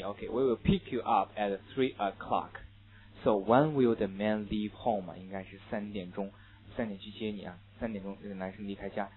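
A Chinese-speaking man teaching English pronunciation in a lecture, asking questions and answering them himself. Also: on the low side. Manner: drills pronunciation, asks and answers own questions. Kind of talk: classroom lecture. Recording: tinny phone-like lecture recording.

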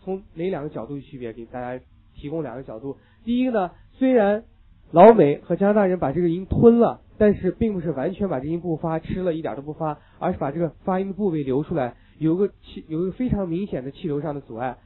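A man lecturing an English listening class at a rapid clip, stressing and repeating the key points with the odd wry joke. His voice sits a little high for a man. The recording is thin and tinny, like a phone line. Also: animated. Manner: emphatic, repeats key points, joking asides.

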